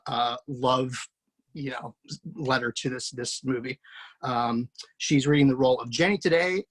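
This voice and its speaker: A man with a mid-range, slightly rough voice hosts over a video call. He casually introduces a table-read cast with effusive praise, his delivery loose and full of fillers.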